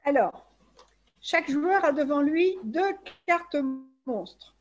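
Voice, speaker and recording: A woman's voice: high voice, animated, takes it slowly, dull audio. A woman presenting a game on an online webinar, walking through the rules step by step over a video call.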